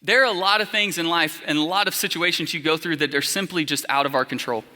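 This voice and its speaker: A man's voice: fairly high pitch, fast talker, pushed and bright. A young man preaching a sermon as a college pastor, telling stories casually with lots of "like" fillers. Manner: casual storytelling, many fillers. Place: church auditorium. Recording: reverberant church hall.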